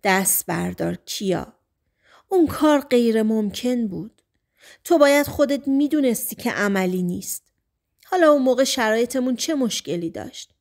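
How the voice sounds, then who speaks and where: A woman's voice: on the high side, expressive, darkish tone. A woman reading an audiobook, voicing a pushy young man who first coaxes and then threatens. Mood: coaxing.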